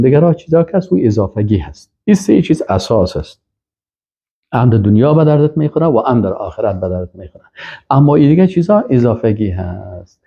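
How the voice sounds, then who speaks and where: A man's voice: medium pitch, creaky, breathy edge. A man teaching Islamic studies, reading Arabic phrases aloud and then explaining each one with emphatic rises. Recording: dull lo-fi recording.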